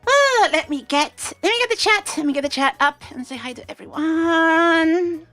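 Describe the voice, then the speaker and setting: A woman's voice: very high voice, expressive, moderate pace, fairly bright tone, faint music behind. A bubbly, hesitant woman hosting a casual programming livestream, her pronunciation slightly off from a swollen mouth. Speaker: livestream host.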